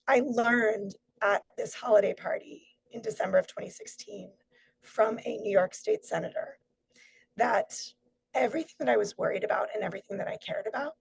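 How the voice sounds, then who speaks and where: Guest speaker, woman, voice worn hoarse and raspy, casual webinar talk, dry video-call audio. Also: medium pitch, no room sound, poor audio. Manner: earnest, conversational, many fillers. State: hoarse, losing her voice. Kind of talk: webinar presentation.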